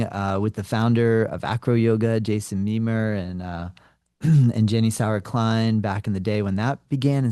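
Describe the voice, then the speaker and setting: Low, mellow-voiced podcast host. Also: male voice, clear, resonant tone, no echo, clean studio sound. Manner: friendly, many fillers. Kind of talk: casual interview.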